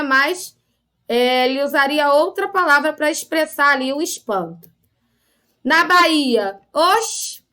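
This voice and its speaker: A woman's voice: sits high, pushed and bright. A woman teacher from Rio de Janeiro, with a Rio accent, patiently explaining a lesson to children in a recorded online class and often checking in with short tag questions. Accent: Rio de Janeiro Portuguese. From Rio de Janeiro, Brazil.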